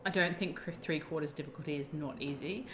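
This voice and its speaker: A woman's voice: low voice, a little fast, a bit bright, a little hiss or hum. A woman watching a horror game with her co-host, teasing him and laughing often. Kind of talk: casual chat.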